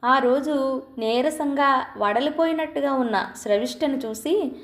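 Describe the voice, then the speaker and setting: A woman reading a story aloud in a calm, measured scripted narration. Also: high voice. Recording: roomy echo.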